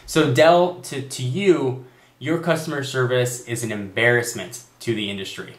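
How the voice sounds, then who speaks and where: A man's voice: medium pitch, moderate pace. A young man vlogging a direct-to-camera rant, telling an exasperated story and quoting phone agents in a raised voice. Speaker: tech vlogger. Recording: echoey room.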